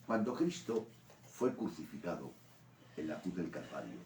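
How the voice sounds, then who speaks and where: A man with a Spanish accent from Spain, preaching a sermon in an animated storytelling way. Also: a bass voice, moderate pace, heavy background noise. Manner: animated storytelling preaching, rising to loud peaks. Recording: roomy echo from a distant mic.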